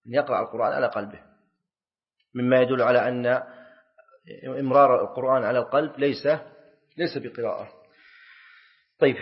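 A sheikh teaching a class, who often puts questions to his students, answers them himself and repeats key phrases. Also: mid-range voice. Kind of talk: classroom lecture. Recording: dull lo-fi recording.

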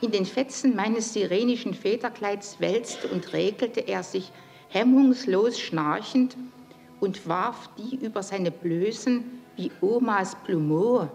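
Woman, literary reader, calm measured tone, gravelly, faint music bed. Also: medium pitch. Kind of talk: scripted literary reading.

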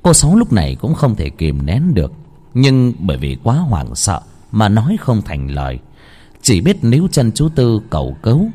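A man narrates a ghost story dramatically. His husky voice swings widely in pitch. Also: huge pitch swings, moderate pace, mellow.

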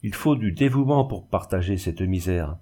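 A man reading the part of a sick, ruined glassmaker who moans and pities himself, in a low voice. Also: animated, moderate pace, mellow. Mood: self-pitying. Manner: plaintive, moaning. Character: suffering, self-pitying ruined male glassmaker. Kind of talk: audiobook character reading.

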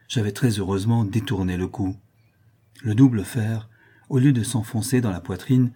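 Brief: male audiobook reader, low husky voice, steady expressive first-person narration.

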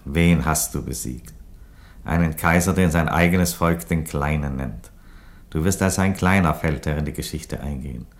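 Here a radio-play actor with a very deep male voice takes the part of a Roman emperor who is calm, ironic, reasonable and fond of chickens. The dialogue is theatrical, and he reasons calmly with measured, philosophical, dry courtesy.

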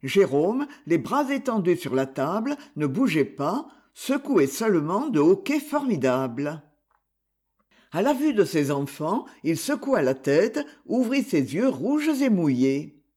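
Slow, expressive male audiobook narrator. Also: high-pitched, slightly rough. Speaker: audiobook reader.

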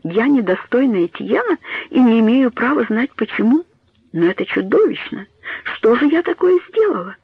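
A man's voice: very high voice, sing-song, normal speed, gravelly, breathy edge, no room sound, pitched above the performer's own voice, heavily acted. A man reading a storybook voices a frantic young woman who pleads with her mother in rising, tearful tones. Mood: pleading. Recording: tinny phone-like dry audio.

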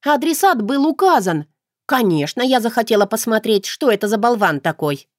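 A woman reading an audiobook voices a feisty young bride in a raised, sharp, teasing voice. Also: fairly high pitch, very animated, normal speed, dry recording, studio quality, pitched above the performer's own voice. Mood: angry.

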